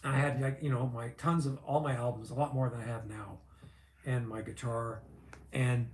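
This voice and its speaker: A man's voice: mid-range voice, fairly even intonation, moderate pace, darkish tone, echoey room. A man in his fifties, a vlogger, telling a long personal story in a chatty, rambling way full of fillers and asides. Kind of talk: casual storytelling.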